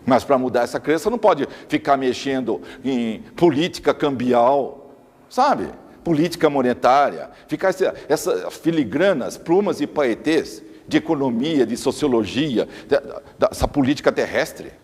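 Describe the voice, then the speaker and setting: A man's voice: mid-range voice, animated, moderate pace, a little mellow, breathy edge. Emphatic man lecturing in hall. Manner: emphatic, repeats words for stress. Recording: long reverb of a hall.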